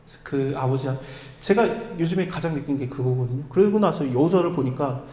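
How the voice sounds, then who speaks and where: A man's voice: on the high side, brisk, warm tone. A man preaching an expository sermon in a conversational way, often putting rhetorical questions to his listeners. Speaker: pastor. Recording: echoey hall with long reverb.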